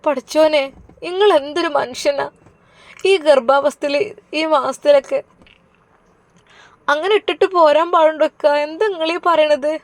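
A woman's voice: fairly even intonation, normal speed, pauses often, dry recording. A woman voicing a tearful Malabar mother. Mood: reproachful. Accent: Malabar Malayalam. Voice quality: high, pleading, crying. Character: tearful worried middle-aged mother. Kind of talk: storybook narration.

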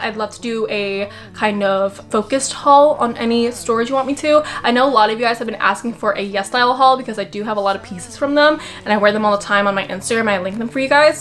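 A woman's voice: fairly high pitch, a bit bright. A young woman, a fashion vlogger, chatting casually and enthusiastically as she shows off her clothes. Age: young adult. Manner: bubbly and enthusiastic. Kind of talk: casual try-on haul chat.

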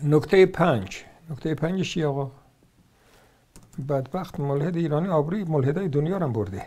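This is a man with an Iranian Persian accent delivering argumentative religious commentary. His voice sits notably high, and he moves through his points with sarcasm and combative rhetorical questions. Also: lively intonation, darkish tone.

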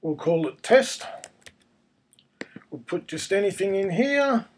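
A man, croaky and hoarse from a cold, narrating a casual step-by-step screencast tutorial. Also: high-pitched, very animated, takes it slowly, a little hiss or hum. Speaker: tutorial presenter.

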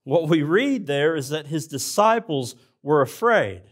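A man's voice: a little high, big pitch swings, a little slow. A man preaching a sermon in a church, speaking earnestly and addressing the congregation directly. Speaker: pastor. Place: church sanctuary.

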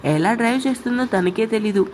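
A woman narrating an emotional love story in a steady, expressive storytelling voice. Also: on the high side, a little fast, a little hiss or hum, poor audio. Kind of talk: dramatic audio story narration.

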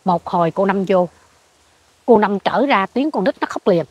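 An older woman with a Southern Vietnamese accent, telling a ghost story in an animated way and acting out what she saw. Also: medium pitch, normal speed, husky, no echo. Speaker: interviewee. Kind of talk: ghost story told in conversation.

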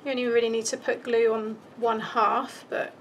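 A British woman walks through a craft project step by step at an indoor craft table, chatting casually and thinking aloud, though her voice is beginning to fail. Her pitch sits slightly high with little movement, and she speaks at a moderate pace. The low-quality recording carries a faint hiss or hum.

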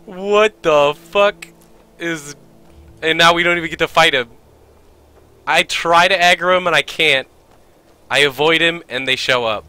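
Excitable, swearing male game streamer. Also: a little high, moderate pace, long pauses, clear, resonant tone, dry recording. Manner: excitable and profane, jumping into shouted outbursts; playful mock-ritual joking. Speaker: live streamer. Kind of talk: live gameplay commentary.

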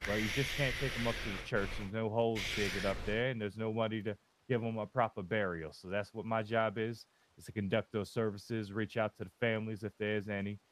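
A man's voice: fairly low pitch, steady tone, brisk, few pauses, background noise. A man playing a rambling, folksy, boastful undertaker in a western role-play over voice chat. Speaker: roleplayer as undertaker.

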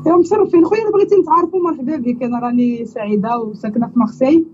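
A man, speaking very fast in an extremely high pitch yet with a dark tone, voices a chatty young woman from abroad who wants a husband, complete with a Moroccan accent, as a prank call. He pleads and repeats "you understand?" again and again. The audio is dull and lo-fi with a faint noise floor.

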